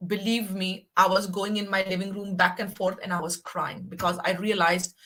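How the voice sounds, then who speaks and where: A woman's voice: medium pitch, little pitch movement, moderate pace, fairly bright tone. A woman in her forties talking passionately on a livestream, emphatic and repeating herself for weight. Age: 40s. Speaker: livestream guest. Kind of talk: casual livestream chat.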